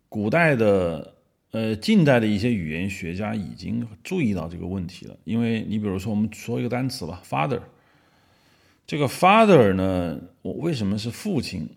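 A man's voice: lowish voice, gravelly. A male podcast host explaining word origins in a casual, rambling monologue, with many fillers and restarts.

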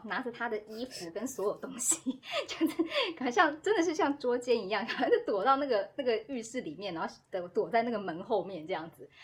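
A woman, a podcast guest telling a story in casual chat, animated and quick to act out what people said. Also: medium pitch, breathy edge. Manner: animated, acts out quoted dialogue, laughs often.

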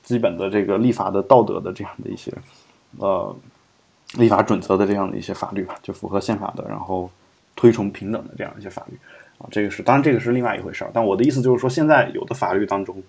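A man's voice: lowish voice, fast, gravelly, a little mellow, slightly rough. A man hosting a podcast, talking through his views in a rambling, reflective way with many fillers and restarts. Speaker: podcast host. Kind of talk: casual podcast discussion.

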